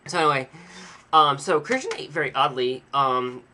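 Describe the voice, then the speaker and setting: A man's voice: medium pitch, normal speed, slight background noise. A young man casually telling a rambling, self-mocking story to a camera in his home vlog. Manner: chatty, animated, self-mocking. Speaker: vlogger.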